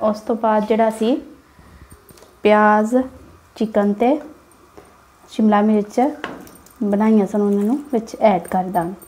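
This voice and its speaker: A home cook with a Punjabi accent, who hosts a cooking channel, explains a recipe step by step to her viewers from beside the stove in her home kitchen. Her medium-pitched, slightly mellow voice shows little pitch movement, is unhurried, and has long pauses. A sizzling pan and stirring can be heard throughout.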